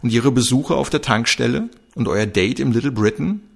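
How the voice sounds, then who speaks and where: A man's voice: medium pitch, moderate pace, creaky, voice pushed up. A man voicing a hot-headed, jealous male footballer who snaps and threatens. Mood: aggressive. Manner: snapping, aggressive.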